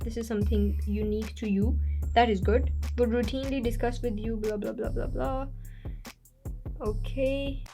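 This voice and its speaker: A woman's voice: on the high side, steady tone, moderate pace, creaky, warm tone, faint music behind. A woman reviewing application essays on her channel, blunt and direct, often repeating words to stress a point. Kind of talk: on-screen critique walkthrough.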